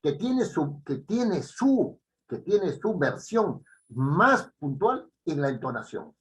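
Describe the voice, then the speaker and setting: A man giving a classroom lecture, repeating key phrases and checking in with the students with quick tag questions. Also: a little high, very animated, low-quality recording. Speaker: teacher.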